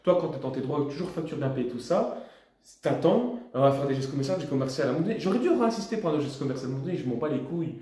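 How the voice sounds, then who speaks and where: A young man from Belgium tells a comic storytime with an exasperated, slangy rant. His voice sits a little high for a man. The sound is very roomy, with heavy echo around him. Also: fast talker. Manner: animated, slangy, exasperated ranting. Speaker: vlogger. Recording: very echoey room.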